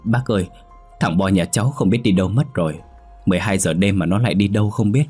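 A man voicing a frantic young mother who shouts and cries out for her missing son in a spoken horror story. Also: low voice, quick pace, breathy edge, faint music behind. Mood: distraught. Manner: crying, shouting out.

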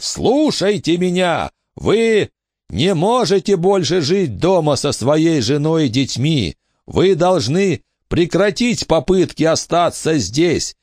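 A man doing a boy shouting at a ghost. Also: fairly high pitch, dry recording, clean studio sound, pitched above the performer's own voice, full character voice. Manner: shouting commands urgently. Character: frightened but determined boy medium.

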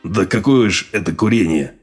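Brief: growling mutant sage, low, calm, read by a man. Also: slightly rough, faint music behind. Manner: calm, unhurried. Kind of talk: audiobook character voice.

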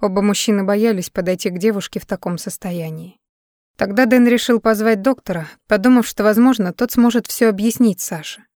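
A woman's voice: mid-range voice, a little fast, a little mellow, no room sound, studio quality. A woman narrating a dramatic novel in a scripted audiobook reading.

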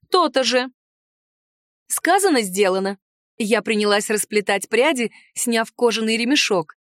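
A woman's voice: on the high side, no echo. A woman reading a first-person audiobook in a playful, ironic storytelling manner, recorded close on a studio mic. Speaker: narrator.

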